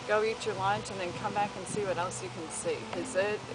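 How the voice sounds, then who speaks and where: A woman's voice: mid-range voice, fairly even intonation, a little fast, noisy background. A woman on a casual travel vlog, reading park signs aloud outdoors and giving her own view. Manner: reads sign text aloud, then chats. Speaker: travel vlogger.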